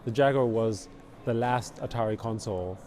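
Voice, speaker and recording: A middle-aged man from Austria speaks in an easy, meandering way, sprinkling "you know" through long answers. His pitch sits in an ordinary middle range. Clear crowd chatter carries in the background, as at a busy event. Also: normal speed. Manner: relaxed, rambling, many fillers like "you know" and "basically". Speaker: interview guest, company founder. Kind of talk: conversational interview. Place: outdoors at a busy conference venue. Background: crowd noise.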